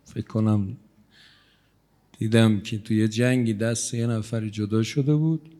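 A male cleric giving a religious sermon in a conversational, teasing manner, his loudness rising and falling as he speaks. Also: fairly low pitch, fairly even intonation. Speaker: cleric preacher.

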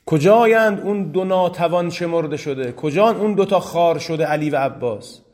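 A man giving a lecture on early religious history. He reads classical Arabic quotations slowly and then explains them in quick, conversational Persian. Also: a little high, a little mellow.

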